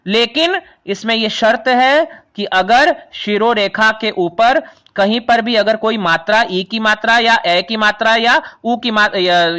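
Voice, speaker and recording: High, bright-voiced Hindi grammar teacher. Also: male voice. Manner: explains patiently, repeating and rephrasing terms; addresses students as children. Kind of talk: classroom lesson explaining vowels.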